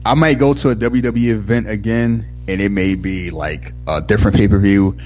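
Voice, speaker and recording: Low male voice, casual podcast co-host, candid and animated, light music bed. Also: moderate pace. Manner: animated, candid, swears freely. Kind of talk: casual storytelling chat.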